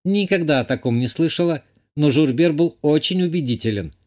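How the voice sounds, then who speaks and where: A wry, matter-of-fact baroness delivers her news with dry calm, as a male audiobook reader raises his pitch to play her. Her lines sit above the reader's own voice. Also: brisk, close to an everyday voice.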